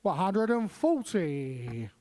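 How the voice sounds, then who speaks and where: A man working as a darts score caller, formally announcing scores and players in a drawn-out announcer delivery, with clicks and noise behind him. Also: high voice, sing-song, darkish tone.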